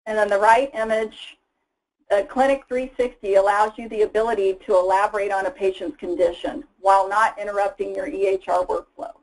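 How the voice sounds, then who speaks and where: A woman's voice: mid-range voice, fairly even intonation, brisk, a little mellow, poor audio. A woman giving a casual, explanatory slide webinar presentation as a product presenter, with frequent fillers. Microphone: voice-over for slides.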